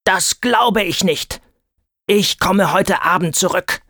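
A man's voice: medium pitch, a bit bright, dry recording, studio quality. A man putting on a roaring storybook dragon. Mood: panicked. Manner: roaring, slow and drawn out. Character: huge blustering male dragon, cowardly.

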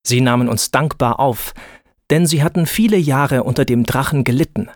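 A man telling a first-person adventure story in a calm, unhurried way, speaking directly to the listener. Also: medium pitch, dry recording, studio quality.

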